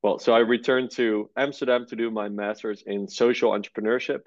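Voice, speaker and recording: The guest, a Dutch startup co-founder in his twenties, chats in a relaxed interview with a mid-range, fairly even voice at a slightly fast clip. He's easygoing and says "uh" often; the recording sounds dull and has no room sound.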